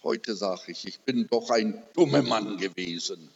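An older man preaching a personal sermon testimony, telling his story slowly and with emotion, rising to emphatic peaks. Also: lowish voice, expressive, gravelly, slightly rough. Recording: dull recording with long hall reverb.

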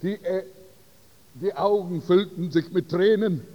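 A man telling a story in a sermon, halting and searching for words in German. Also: high voice, big-room sound, highs cut off.

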